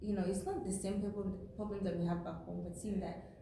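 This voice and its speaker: A woman's voice: mid-range voice, fairly even intonation, brisk, warm tone. Woman chatting in a very echoey room. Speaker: podcast guest, visiting fellow. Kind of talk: casual conversational storytelling. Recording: very echoey room with faint noise.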